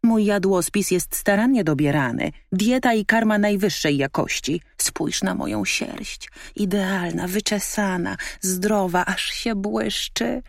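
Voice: mid-range voice, steady tone, slow pace, gravelly, few pauses, a bit bright, no echo, studio quality, voice pushed up, full character voice. A woman voicing a proud, pompous pedigreed male dog in a storybook reading, with a raised, haughty, indignant tone. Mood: boastful.

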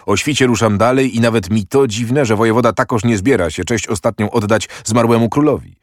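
A man's voice: fairly low pitch, a little fast, no echo, clean studio sound, voice pushed up, natural voice. A man reading the part of a proud, impatient young prince who speaks curtly and mockingly. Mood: brusque. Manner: curt, brusque and mocking.

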